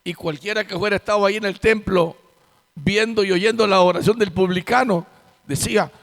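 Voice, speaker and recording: A man's voice: high voice, fairly quick, a bit bright. A man preaching a sermon as pastor, emphatic and full of rhetorical questions. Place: church sanctuary. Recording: long hall reverb in church.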